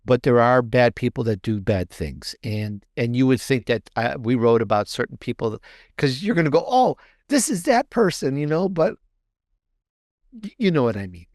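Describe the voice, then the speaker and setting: A podcaster and author appears as an interview guest, telling stories in a casual, rambling manner and often rephrasing himself mid-thought. His mid-range voice is expressive and a little mellow at a normal speed, recorded in clean studio sound with no echo.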